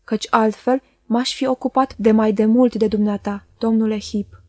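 A woman's voice: on the high side, fairly even intonation, darkish tone, dry recording, studio quality, lightly acted. A woman voicing a plain, honest young male lawyer in a storybook reading, speaking plainly with a pointed edge.

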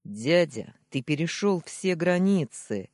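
A reader acting out a furious young man in an audiobook, growling and hissing his words, slow and heavy, with a lively pitch, recorded close and dry. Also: no echo, close to an everyday voice. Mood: angry.

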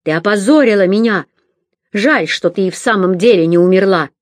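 A woman's voice: mid-range voice, a little fast, no echo, clean studio sound, close to an everyday voice. A woman doing a bitter, snarling young man. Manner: harsh, barking, contemptuous. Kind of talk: audiobook character voice.

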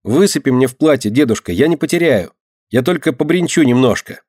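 A man doing a feisty shrill little girl. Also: animated, a little fast, a little mellow, dry recording, clean studio sound, close to an everyday voice. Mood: cheeky.

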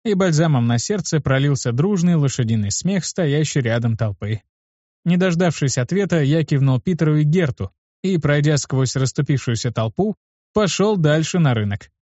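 A man narrating a first-person novel in a lively, ironic storytelling manner. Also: a little high, moderate pace, no echo, lo-fi sound. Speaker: audiobook narrator.

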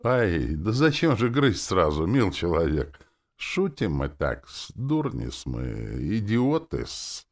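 A man's voice: lowish voice, animated, normal speed, hardly any pauses, voice pushed up, lightly acted. A man doing a grumpy old carter. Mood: fawning. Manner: grumbling, later fawning. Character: grumpy suburban middle-aged male cart driver.

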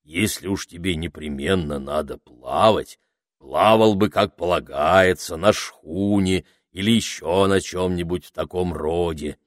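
A man voicing a huge, kindly creature who is hard of hearing and talks slowly in a pompous, fussy way. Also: sits low, no echo, clean studio sound.

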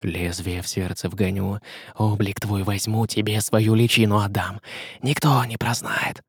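A man voicing a scheming male sorcerer in an audiobook, speaking in a hushed, threatening hiss. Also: on the low side, little pitch movement, unhurried, husky, no room sound, studio quality. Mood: menacing hiss.

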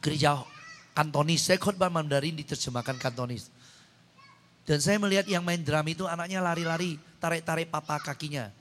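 A man preaching a sermon, telling stories animatedly with sudden high-pitched exclamations into a handheld microphone. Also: brisk, a bit bright, slight background noise. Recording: long hall reverb.

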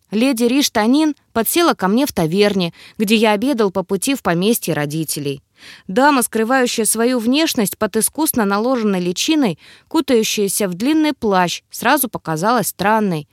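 A woman playing a cowering young male mage in an audiobook, pleading in a hurried, whimpering rush. The voice is pitched a little above her narration and swings a lot, close and dry on the mic. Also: no room sound, natural voice. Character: frightened, sniveling young male battle mage.

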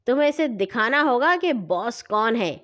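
A woman voicing a jolly man who judges a horse show, hearty and brisk, in a storybook. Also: a little high, expressive, fairly bright tone.

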